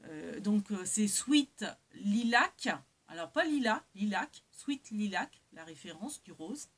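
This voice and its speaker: Speaking slowly in a sing-song, medium-pitched voice, a woman walks her viewers through a craft haul, holding up items as she goes. Her casual chat is hesitant and rambling, full of self-corrections. The audio is clear apart from a hissy background noise.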